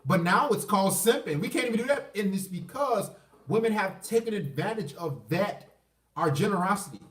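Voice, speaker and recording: A man's voice: high voice, lively intonation, a little fast, fairly bright tone. A man ranting to camera in a blunt, crude and repetitive way, often restarting his phrases. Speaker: vlogger. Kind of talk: casual rant to camera. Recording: echoey room, voice far from the mic.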